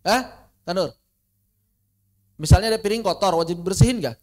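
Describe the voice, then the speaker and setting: Animated high-voiced male religious teacher. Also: fairly quick. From Indonesia. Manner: conversational, rhetorical questions, swings from soft asides to animated emphasis. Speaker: Islamic studies teacher. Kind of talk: informal religious lesson. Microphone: online class recording.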